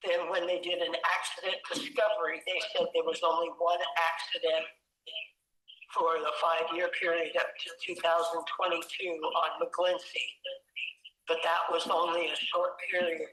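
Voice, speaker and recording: Brief: woman caller heard over a speakerphone in a meeting room, bright edge, echoey room pickup, level monotone delivery. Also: lowish voice, moderate pace. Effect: phone call played over a speakerphone. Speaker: public commenter, local resident. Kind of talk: public comment at a meeting. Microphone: phone on speaker, picked up by room mics.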